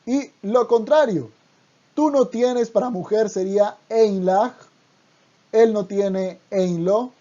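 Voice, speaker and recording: A Hebrew teacher giving an online language lesson, speaking deliberately and repeating each word twice. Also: mid-range voice, warm tone, muffled recording.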